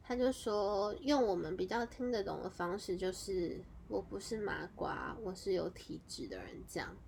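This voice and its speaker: A woman, hosting a podcast and casually telling a story in a chatty, animated way, running her clauses together with fillers. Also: moderate pace, gravelly, slight background noise. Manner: animated, jumps into high excited exclamations. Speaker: podcast host.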